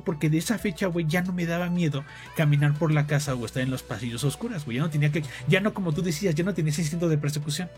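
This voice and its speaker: Fast-talking Mexican guy, slangy. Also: a little high. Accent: Mexican Spanish. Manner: slangy, storytelling, peppers speech with "güey". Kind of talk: casual chat.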